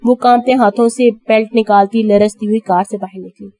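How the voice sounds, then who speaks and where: A woman narrating an Urdu audio novel dramatically, voicing characters' cries and shouts. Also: fairly high pitch, steady tone, no echo.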